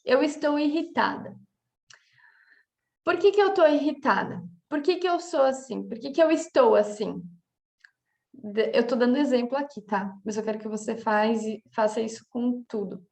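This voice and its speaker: A woman's voice: a little high, moderate pace, vocal fry, a little mellow. A woman with a Brazilian Portuguese accent, a coach giving a casual spoken lesson that she works through with examples and frequent "tá?" checks. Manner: talks through examples, with many filler checks like "tá?". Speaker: coach teaching a class.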